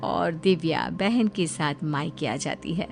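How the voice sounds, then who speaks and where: A woman narrating an audio story in a lively, expressive way. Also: sits low, measured pace, vocal fry, soft background music.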